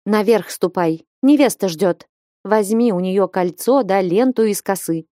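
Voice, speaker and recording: A woman's voice: medium pitch, measured pace, mellow, no echo, studio quality, close to an everyday voice. A woman reading an audiobook voices a bold, bossy young village woman who scolds and commands sharply. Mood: scolding.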